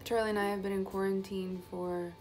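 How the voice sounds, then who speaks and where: Chatty, self-mocking young mom vlogger. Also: female voice, mid-range voice, flat delivery, fairly quick, darkish tone, soft background music. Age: 20s. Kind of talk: casual vlog chat to camera.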